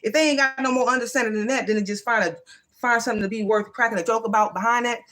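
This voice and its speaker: A woman's voice: fairly high pitch, racing, a bit bright. A woman hosting a livestream, giving a casual, emphatic motivational talk in a folksy, everyday way. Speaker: livestream host.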